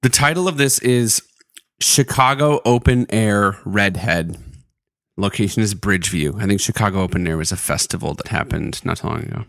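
A man's voice: fairly low pitch, normal speed, gravelly, fairly bright tone, no echo. A man co-hosting a comedy podcast, chatting loosely, with lots of giggling and filler words. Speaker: podcast co-host. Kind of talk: casual comedic chat.

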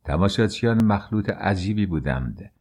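Deep-voiced man narrating a novel. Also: animated, a little mellow, breathy edge. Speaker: audiobook narrator. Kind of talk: literary audiobook narration.

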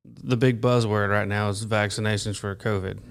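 A man hosting a health podcast, interviewing a guest in a friendly, upbeat way with quick affirmations. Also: fairly low pitch, level tone, creaky. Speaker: podcast host. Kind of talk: conversational interview.

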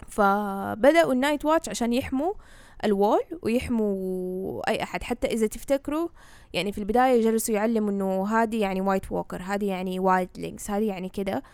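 A woman with a Hejazi Saudi accent talks fast in a medium-pitched, darkish, smooth voice, recorded with no room sound. As a knowledgeable guest, she explains fantasy lore casually in Arabic mixed with English words, often checking that the listener is following.

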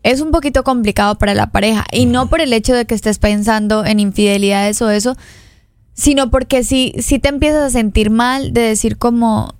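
Bold high-voiced woman co-host. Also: a little fast, no room sound, clean studio sound. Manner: bold, teasing, argumentative. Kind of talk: lively studio chat.

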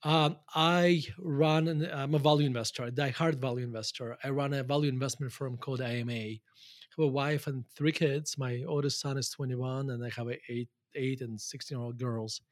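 A man's voice: medium pitch, fairly even intonation, moderate pace, dry recording, studio quality. A man in his forties with a Russian accent, a guest in an interview, talking loosely with many fillers and restarts. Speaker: guest investor. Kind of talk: conversational interview.

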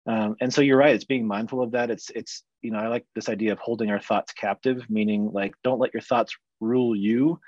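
A man's voice: fairly low pitch, steady tone, a little fast, few pauses, darkish tone, dry recording, lo-fi sound. A man who works as a counselor, talking frankly and reflectively in a casual podcast chat.

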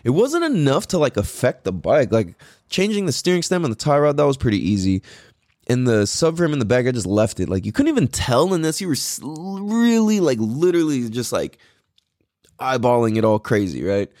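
A man's voice: mid-range voice, sing-song, moderate pace, darkish tone, no echo, studio quality. A man casually telling a story in a rambling, profane way, full of fillers and restarts.

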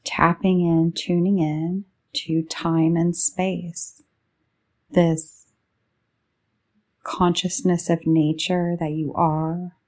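Her voice sits on the low side, creaky and softly edged, with a flat delivery. She guides a meditation in soothing, short, drawn-out phrases.

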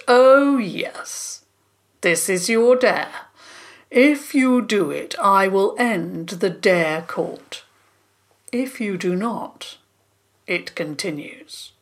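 A woman voicing a slow, menacing male Monster King with drawn-out, taunting speech and breathy whispered endings. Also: medium pitch, lively intonation. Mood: gloating.

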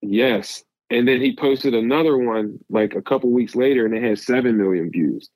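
A man's voice: medium pitch, normal speed, darkish tone, no room sound, low-quality recording. A man talking casually as a podcast guest, giving advice in an emphatic, rambling way.

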